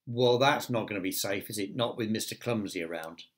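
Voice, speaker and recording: A man's voice: on the low side, fairly quick. A man who teaches primary school, reading a children's story aloud with chatty asides to the young listeners.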